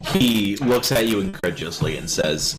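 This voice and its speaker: A man's voice: lowish voice, expressive, moderate pace, over music. A man narrating as game master of a tabletop role-play game, laughing often. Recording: faint noise, lo-fi mic.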